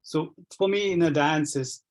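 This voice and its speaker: With a fairly high pitch, a Tamil-speaking man from Sri Lanka describes his energy work experience reflectively, hesitating and starting over many times.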